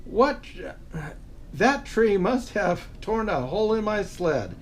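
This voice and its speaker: A man's voice: high-pitched, big pitch swings, takes it slowly, a little hiss or hum, pitched above the performer's own voice, heavily acted. A man voicing a jolly, kindly old Santa figure in a children's storybook. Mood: alarmed.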